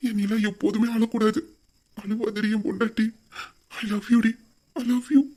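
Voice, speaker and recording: A young man voicing a loving husband who gently consoles his crying wife in an audio drama. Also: high voice, flat delivery, a little slow. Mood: tender. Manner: tender, soothing, affectionate. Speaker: husband Veera. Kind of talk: emotional audio drama acting.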